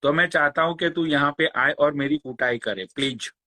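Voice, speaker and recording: A man, ranting on a phone live stream in a slow, crude, mocking way. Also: on the high side, sharp tone. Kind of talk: angry rant on a live stream.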